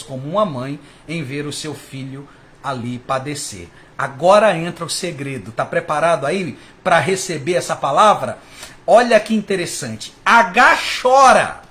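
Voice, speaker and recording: A man's voice: a little high, a bit bright. A man preaching a sermon with fervor, speaking to his listeners as brothers. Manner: fervent, rising and falling, addresses listeners as brothers.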